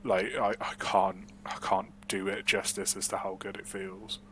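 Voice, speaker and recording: Candid, rambling podcast co-host. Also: male voice, low voice, flat delivery, moderate pace, bright, forceful tone, slight background noise. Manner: candid, rambling, laughs often. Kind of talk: casual podcast chat.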